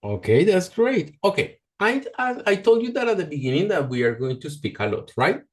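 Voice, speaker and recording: Over a video call, a male teacher leads an online English lesson, patiently encouraging and gently correcting pronunciation as he goes. His high voice moves briskly, and his intonation is very lively, rising and falling freely through every sentence.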